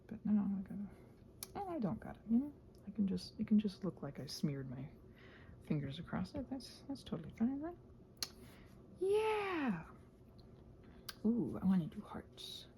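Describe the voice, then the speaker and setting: The host of a crafting ramble channel chats softly in a mellow, creaky, mid-range voice, very animated at a normal speed. In this ASMR-like talk she hesitates, thinks aloud, pauses often, and trails off mid-sentence, with slight background noise.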